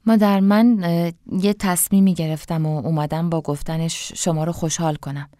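A woman's voice: on the low side, fairly even intonation, warm tone, dry recording, studio quality, natural voice. Woman doing a timid pleading young widow. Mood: earnest. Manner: hesitant, pleading. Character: timid widowed young mother, eager to please.

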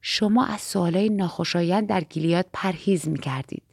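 A woman voicing a low, calm young boatman. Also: creaky, slightly rough, no room sound, clean studio sound. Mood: wry. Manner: calm, laconic, low-voiced. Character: young man, quiet and wry boat courier.

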